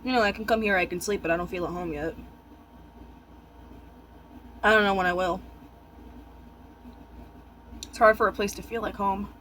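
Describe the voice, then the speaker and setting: A young man chatting casually while eating, talking with his mouth full in halting, musing short thoughts. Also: high-pitched, fairly even intonation, pushed and bright, slight background noise.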